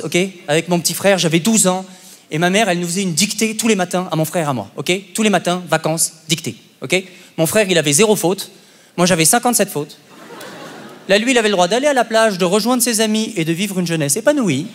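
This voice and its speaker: A young man's high-pitched voice carries a little hiss or hum as he does punchy, conversational stand-up on a festival stage, often tossing in "ok?". Through the stage microphone, a live audience laughs and applauds amid long hall reverb.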